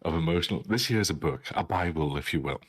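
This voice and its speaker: A man's voice: low-pitched, quick pace, husky. A man playing in an online tabletop game, joking in a mock-earnest tone and laughing a lot. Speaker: player. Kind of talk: casual tabletop play.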